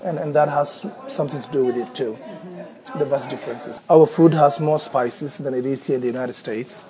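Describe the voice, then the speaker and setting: A crowd can be heard behind this poor-quality accent archive recording of a Somalian man in his thirties. With a Somali accent, a medium-pitched voice, fairly even intonation and normal speed, he reads a short passage and then talks on his own, often pausing and repeating words.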